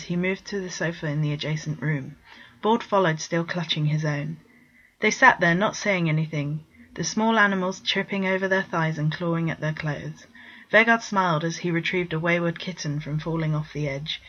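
A woman with a lowish voice reads a story aloud at a steady, even pace. The recording sounds dull and lo-fi, with the top end muffled. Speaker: narrator. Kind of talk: scripted story reading.

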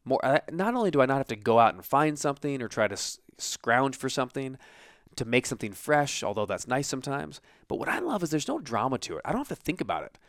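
A man's voice: medium pitch, big pitch swings, fast talker, dry recording, studio quality. An American man giving an informal motivational talk as a coach, conversational and emphatic, voicing imagined self-talk, recorded in a basement office. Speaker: self-help coach and show host.

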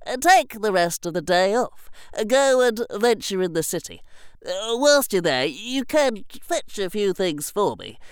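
Male performer as a friendly, rambling gnome engineer with a lively, smooth voice. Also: high voice, measured pace, dry recording, voice pushed up. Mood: casual. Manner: rambling, filler-heavy, friendly. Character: chatty little gnome engineer.

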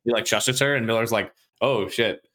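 Guy on a podcast with a lowish voice, retelling a book and doing the characters' lines, swears a lot. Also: fairly bright tone. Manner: acts out characters' lines in quick casual voices, swears freely. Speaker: podcast host recapping a book. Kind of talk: casual chat.

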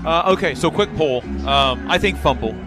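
A male color commentator analyzes football in a conversational way. His voice is a little higher than average. Music plays clearly behind him. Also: moderate pace.

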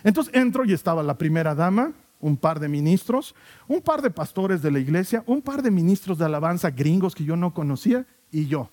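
Male pastor, high pitch, lively storytelling sermon. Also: brisk. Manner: animated storyteller acting out quoted voices.

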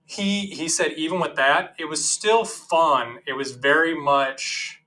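A man's voice: on the high side, slow pace, bright, forceful tone. A man co-hosting a casual gaming podcast, rambling and joking with frequent restarts. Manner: rambling, restarts, jokey asides. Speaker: podcast co-host. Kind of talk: casual chat.

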